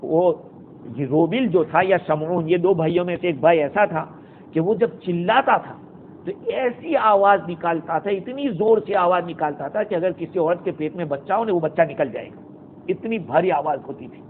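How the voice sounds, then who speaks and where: A man recites Arabic verses and then unpacks them in a storytelling lecture. His voice sits high, and the recording is thin and phone-like with a faint hiss. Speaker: Islamic scholar giving Quran commentary. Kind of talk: Quran exegesis lecture.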